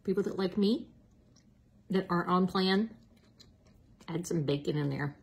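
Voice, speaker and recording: A woman's voice: on the low side, a little slow, creaky, a little mellow, breathy edge. A middle-aged woman, chatting casually and self-mockingly as a diet coach in a cooking vlog. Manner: chatty, self-mocking, drops to a whisper at times.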